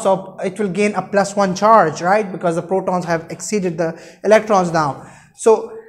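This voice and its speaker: A man in his twenties with a Pakistani accent lectures at a whiteboard, explaining emphatically and repeating key terms. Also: high-pitched. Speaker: chemistry teacher. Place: indoor room at a whiteboard. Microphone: lapel mic.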